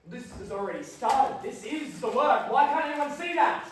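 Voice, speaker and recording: A man plays an intense young performer with a very high voice who piles up rhetorical questions. He sounds far off in an echoey hall, with a faint hiss. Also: expressive, normal speed. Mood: urgent. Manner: urgent, rhetorical. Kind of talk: devised ensemble theatre. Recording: echoey stage recorded from afar.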